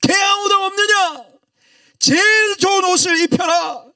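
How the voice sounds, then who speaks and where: A man playing an older father loudly ordering his servants, speaking. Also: very high-pitched, unhurried, no echo, studio quality, distant mic, voice pushed up, heavily acted. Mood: shouting commands. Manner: shouting orders.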